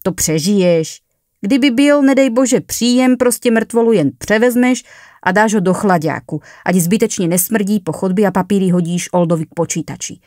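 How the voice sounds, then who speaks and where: A woman's voice: medium pitch, a little mellow, no echo, studio quality, close to an everyday voice. A woman voicing a grumpy young male coworker in a hurry to leave, who speaks in a curt, dismissive way.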